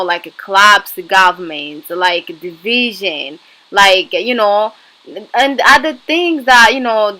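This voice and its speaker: A woman's voice: medium pitch, sharp tone, low-quality recording. A young woman from East Africa talking earnestly to camera in a casual vlog, full of "like" and "you know". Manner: earnest, passionate, many fillers like "you know". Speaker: vlogger. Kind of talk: casual direct-to-camera monologue.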